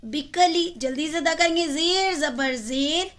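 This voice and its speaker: High-pitched woman teaching quran reading, spells letters out and drags the sounds out slow, asks and answers her own questions. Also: a bit bright. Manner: spells out letters and vowel marks, then slowly draws out syllables; asks the listener questions and answers them herself. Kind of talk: step-by-step recitation lesson.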